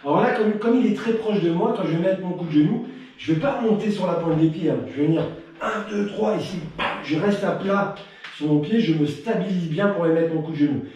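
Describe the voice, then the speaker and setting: A man's voice: high voice, brisk, darkish tone, highs cut off. A man teaching a live Krav Maga class, counting combinations and punctuating strikes with punchy sound effects, chatty between drills. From France. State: warm and a bit winded from training. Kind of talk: live online martial arts class. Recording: very echoey room, mic at a distance.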